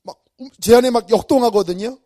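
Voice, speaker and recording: A man's voice: sits high, fairly quick, mellow. A male pastor preaching an early-morning sermon, telling stories animatedly and acting out his own inner reactions.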